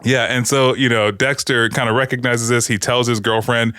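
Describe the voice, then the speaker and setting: A man's voice: mid-range voice, flat delivery, normal speed, pushed and bright, clean tone, dry recording, clean studio sound. A man co-hosting a podcast, rambling through a TV recap in casual, profane chat. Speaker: podcast co-host.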